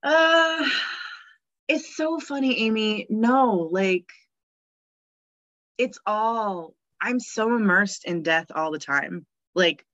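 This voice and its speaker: A woman's voice: medium pitch, lively intonation, takes it slowly, fairly bright tone, dry recording, muffled recording. A woman, a death midwife talking in a casual podcast conversation, cheerful and full of fillers. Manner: chatty, cheerful, laughs often, many fillers.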